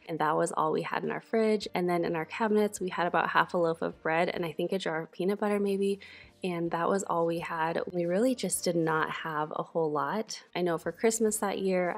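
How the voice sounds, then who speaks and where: Thirty-something mom vlogger, lowish gravelly voice, soft and sincere. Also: female voice. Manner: soft, earnest and personal. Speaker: cleaning vlogger. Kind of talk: reflective voice-over.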